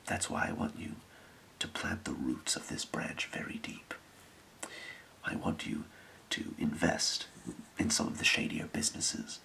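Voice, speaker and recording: A man acts out a scheming thieves' guild boss in a whispered role-play. His voice is very low and heavily creaky, hushed to a breathy whisper. He speaks in a measured, deliberate, secretive way, close to the microphone. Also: exaggerated voice, low-quality recording.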